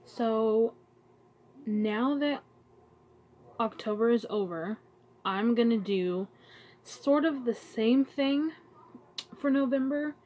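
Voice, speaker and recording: A woman talking to her channel in a casual, emotional vlog, halting and searching for words as she grows tearful. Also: on the high side, darkish tone. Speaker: vlogger. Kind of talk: casual heartfelt vlog talk.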